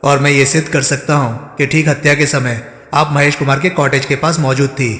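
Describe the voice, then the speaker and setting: A man reading the part of a bold, steady-voiced reporter in an audiobook. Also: medium pitch, normal speed, close to an everyday voice. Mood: confident. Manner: steady, confident. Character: bold, smooth-talking male reporter. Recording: roomy echo, long reverb.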